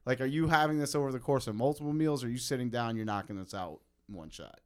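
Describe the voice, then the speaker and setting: A man's voice: mid-range voice, quick pace, darkish tone, clean tone. A man hosting a podcast, chatting casually, agreeing readily and egging his guest on. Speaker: podcast host. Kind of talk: casual chat.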